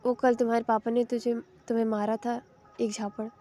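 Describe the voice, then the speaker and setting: A woman voicing a caring middle-aged mother who gently lectures her grown daughter in a soft, motherly way. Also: a little high, little pitch movement, brisk, natural voice. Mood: scolding.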